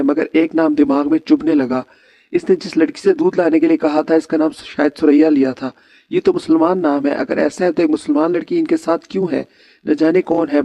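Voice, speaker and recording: A man reading a horror novel aloud as a storyteller, voicing each character with small pitch lifts. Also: dark tone, dry recording, dull audio.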